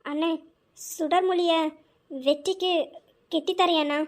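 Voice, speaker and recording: A woman's voice: extremely high pitch, steady tone, a little slow. A woman voicing an earnest young daughter-in-law who pleads politely in an amateur audio drama. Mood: pleading.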